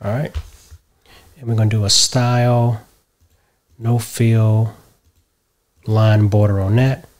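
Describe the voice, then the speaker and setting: A middle-aged man explaining a software tutorial step by step from a home office, often checking in with "right?". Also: medium pitch. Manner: relaxed step-by-step explaining, tags lines with "right?". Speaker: tutorial host. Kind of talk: screen-share software tutorial.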